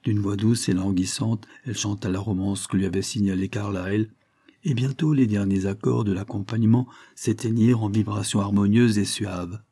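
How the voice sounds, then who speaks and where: A man reading a classic novel aloud in a measured, steady narration. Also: on the low side, slightly rough. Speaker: audiobook narrator. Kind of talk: scripted literary narration.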